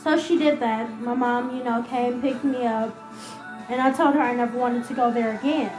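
In a spacious, echoey room with faint music in the background, a high-voiced woman podcaster shares a painful story from her life. Her intonation stays fairly even, though she's emotional, halting and repetitive.

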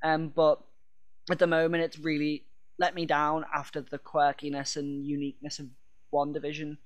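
A man with a voice pitched a little high for a man talks casually on a podcast. He rambles from point to point, laughs easily and swears in passing. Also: monotone, moderate pace. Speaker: podcast co-host. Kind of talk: casual chat.

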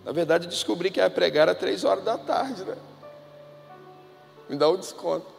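Gravelly high-voiced preacher. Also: male voice, moderate pace. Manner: conversational storytelling, swings between hushed and loud. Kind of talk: sermon. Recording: reverberant hall with music.

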